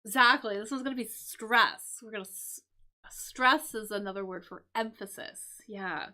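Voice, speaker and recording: A woman hosting a live-stream English lesson, explaining crossword clues slowly with many fillers and repeated "right?". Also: mid-range voice, pushed and bright. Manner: slow, repetitive explaining with frequent fillers and "right?".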